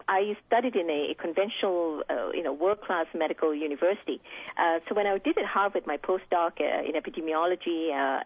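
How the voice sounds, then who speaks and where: Woman physician guest, husky voice over a phone line, thoughtful and explanatory. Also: on the low side, no echo. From Singapore. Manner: explanatory, frequent fillers and restarts. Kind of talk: radio interview answers. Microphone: telephone.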